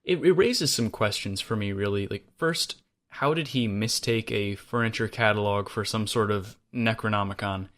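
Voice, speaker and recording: A man co-hosting a podcast in casual chat, with a dry, deadpan humor. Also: on the low side, moderate pace, few pauses. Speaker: podcast co-host.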